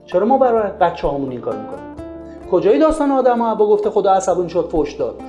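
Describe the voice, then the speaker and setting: A man giving a lively talk on raising children, pressing the listener with rhetorical questions. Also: high-pitched, muffled recording. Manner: asks many rhetorical questions. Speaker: religious parenting speaker. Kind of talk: lively lecture retelling a story. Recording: roomy echo with faint music.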